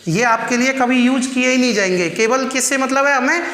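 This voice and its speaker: A male teacher giving an exam-prep lecture, quizzing students with repeated rhetorical questions and slowly counting out and spelling out terms. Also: very high-pitched, sharp tone, reverberant, big-room sound, slight background noise.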